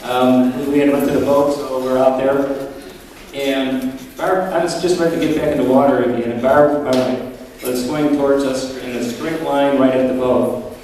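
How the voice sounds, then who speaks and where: A man's voice: medium pitch, fairly even intonation, normal speed, a little mellow. A middle-aged man giving an informal, rambling father of the bride speech, telling humorous anecdotes. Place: large wedding reception room. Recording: very echoey hall, distant mic, crowd noise. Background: reception crowd.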